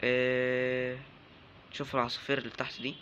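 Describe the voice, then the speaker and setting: Bright, lively Egyptian gamer guy. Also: mid-range voice, fairly quick, highs cut off, a little hiss or hum. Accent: Egyptian Arabic. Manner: jokey, bursts into excited yelps at enemies. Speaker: gaming YouTuber. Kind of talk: let's-play commentary.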